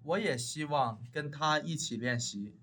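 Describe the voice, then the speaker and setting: Slow man reading a lesson dialogue. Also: fairly high pitch, fairly bright tone. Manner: slow, careful enunciation. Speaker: dialogue reader in a language lesson. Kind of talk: scripted textbook dialogue.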